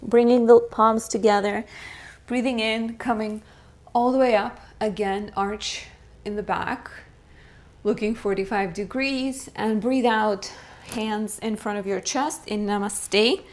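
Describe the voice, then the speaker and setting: Slow, calm woman guiding a yoga class. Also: mid-range voice. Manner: slow, calm cueing of breath and poses; playful and encouraging between rounds. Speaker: yoga instructor. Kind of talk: guided yoga class instruction.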